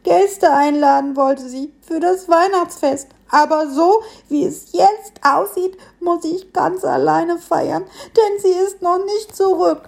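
A woman's voice: extremely high pitch, takes it slowly, gravelly, few pauses, a little mellow, voice pushed up, heavily acted. A woman voicing a small, tearful boar piglet who stammers and sobs as it talks. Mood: anxious. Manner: sobbing, stammering.

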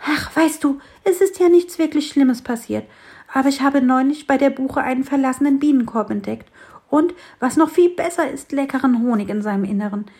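A woman's voice: sits high, brisk, darkish tone, pitched above the performer's own voice. Woman doing a fretful little sparrow. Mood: chatty. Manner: scolding, fretful. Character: small grumpy excitable sparrow.

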